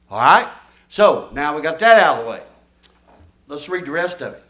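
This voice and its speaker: In an echoey church room, a pastor in his 70s preaches a folksy, emphatic sermon, and his congregation calls back to him. His voice sits on the high side and sounds a bit bright.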